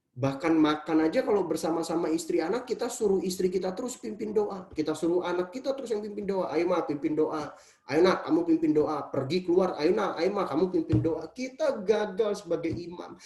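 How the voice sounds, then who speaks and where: Middle-aged guy pastor preaching, mellow warm voice, goes way up when he pushes a point, echoey church room. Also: medium pitch. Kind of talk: sermon. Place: church hall.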